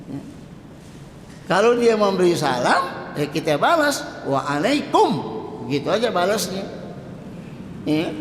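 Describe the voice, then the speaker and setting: Lively high-voiced man preaching in an echoey hall. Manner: lively, conversational, drawn-out quoted greetings. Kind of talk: mosque dawn study lecture. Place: mosque hall. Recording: echoey mosque hall with faint rumble.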